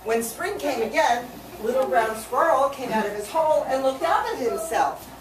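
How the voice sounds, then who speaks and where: A woman reading a picture book aloud to children, expressive and stopping to ask her listeners questions. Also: high voice, normal speed. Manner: expressive, asks the audience questions. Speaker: storyteller. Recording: echoey room, distant mic, background noise.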